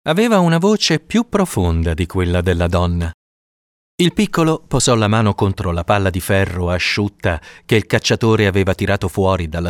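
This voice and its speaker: A man narrating an audiobook in an expressive storytelling manner. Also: on the low side, dry recording, studio quality.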